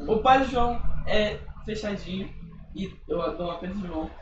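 Young friend in casual chat, halting and filler-heavy, echoey room, faint hum. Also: medium pitch, lo-fi sound. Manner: rambling, hesitant, with lots of fillers. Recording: roomy room, distant mic.

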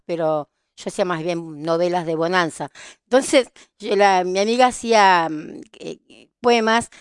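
Chatty Argentine woman, smooth dry voice. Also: medium pitch, no echo. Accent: Argentine (Rioplatense). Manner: chatty, nostalgic storytelling with laughs. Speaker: podcast host. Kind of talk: casual chat.

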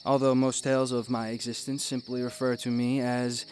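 A man playing a mysterious, cultured scientist in a radio drama, speaking in a measured, formal way. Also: mid-range voice, flat delivery, a little mellow, a little hiss or hum, lightly acted. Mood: self-assured. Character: mysterious, cultured male scientist who is invisible.

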